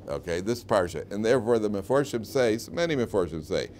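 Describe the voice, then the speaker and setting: Questioning rabbi teaching, noisy recording. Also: male voice, fairly low pitch, animated, fairly quick, a little mellow. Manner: questioning, asks and answers his own questions; emphatic, repeats key phrases. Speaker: rabbi giving a class. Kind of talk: informal Torah lesson to a small group. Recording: clearly noisy room recording.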